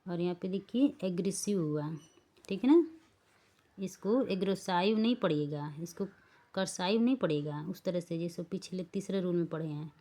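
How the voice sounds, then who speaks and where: A woman's voice: fairly low pitch, moderate pace, warm tone. A woman teaching English pronunciation rules, spelling words out letter by letter and checking that the learners follow. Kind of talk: slow spelling-rule lesson.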